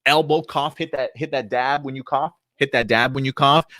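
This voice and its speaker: The voice is medium-pitched, fairly even, pushed and bright, at a normal speed, with a clean, echo-free studio sound. It belongs to a podcast co-host in his late thirties who chats casually on a livestream, reading viewer comments amid many fillers and restarts.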